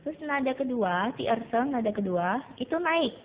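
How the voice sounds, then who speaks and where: Woman, Mandarin teacher, patient drilling, fairly high voice, tinny phone-like sound. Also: animated, normal speed, a little hiss or hum. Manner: patient, drills tones by repeating vowels; addresses students as children. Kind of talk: online class lesson.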